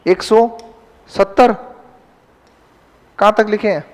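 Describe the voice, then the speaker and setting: A man with a high voice runs a grammar class, correcting spellings one word at a time and asking his students quick questions. He talks slowly and deliberately. His voice rings with a long reverb from the classroom around him. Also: fairly even intonation. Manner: addresses students as "beta". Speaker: Hindi grammar teacher.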